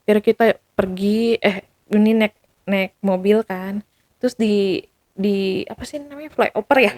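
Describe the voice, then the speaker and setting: A woman's voice: mid-range voice, measured pace. A woman guest telling a personal story in casual speech, acting out the quoted dialogue with energy. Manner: animated, acts out the quoted dialogue.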